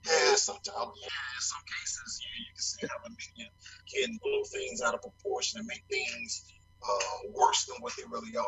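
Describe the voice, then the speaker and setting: A man joining remotely, speaking haltingly with repeated ums, through a faulty microphone that keeps cutting in and out with crackly dropouts. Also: very high-pitched, huge pitch swings, bright, forceful tone, soft background music. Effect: faulty mic cutting in and out, crackly dropouts. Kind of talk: casual discussion. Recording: garbled distant remote mic with dropouts.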